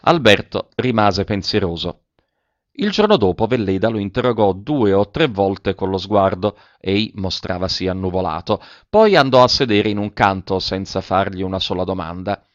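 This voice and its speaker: A man narrating a classic novel aloud in a measured literary reading. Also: low-pitched, no echo. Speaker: audiobook narrator. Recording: dull, dry recording.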